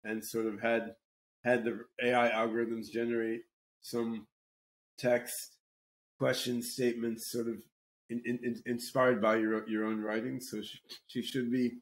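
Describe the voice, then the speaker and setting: Introducing the conversation on his casual podcast, a male host speaks at a middle pitch with a flat delivery. He talks haltingly, stumbling over repeated words and restarting sentences.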